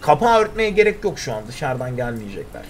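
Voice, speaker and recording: Lively young man streaming a game. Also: medium pitch, fairly quick, slight background noise. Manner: chatty, talks to himself and reads chat aloud. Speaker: gaming streamer. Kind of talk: live gameplay commentary.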